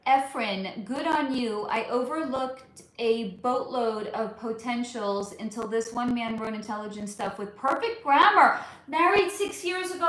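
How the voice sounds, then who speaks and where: A woman in her forties, a spiritual reader chatting on a live stream, reading viewer comments aloud in a chatty, animated way with casual swearing. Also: fairly high pitch, roomy sound. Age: 40s.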